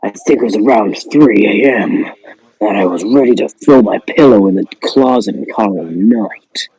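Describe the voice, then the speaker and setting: A man with a gravelly, husky voice reads a horror story in a playful spooky manner, sweary and irreverent, with joking asides. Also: on the low side, moderate pace, warm tone, dry recording, rough recording. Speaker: host reading a spooky story. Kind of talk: scripted horror narration broken by casual joking asides.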